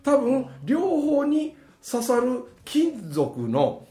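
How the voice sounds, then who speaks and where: A man's voice: very high-pitched, wildly swooping pitch, drawn-out words, warm tone, roomy sound. A middle-aged man with a Kansai accent, telling a funny story in casual chat, laughing as he goes. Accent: Kansai Japanese. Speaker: podcast host.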